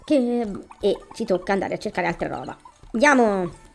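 A woman doing gameplay commentary, thinking out loud as she plays and talking to the characters. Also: mid-range voice, animated, moderate pace, creaky. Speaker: video game streamer. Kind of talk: gameplay commentary, reading game dialogue aloud. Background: video game music.

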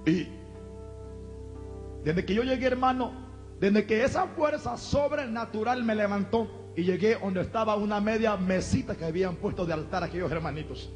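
Fervent high-voiced Salvadoran preacher. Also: male voice, moderate pace, soft background music. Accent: Salvadoran Spanish. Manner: impassioned, fervent preaching, bursts into shouting, speaks in tongues. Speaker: former gang member giving testimony. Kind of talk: testimony sermon from a pulpit. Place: church.

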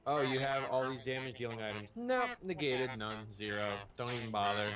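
A young man on a game stream, loud and profane, ranting at the game. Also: mid-range voice, lively intonation, normal speed, far from the mic, crowd noise. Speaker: gaming streamer. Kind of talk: casual gaming banter. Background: loud music.

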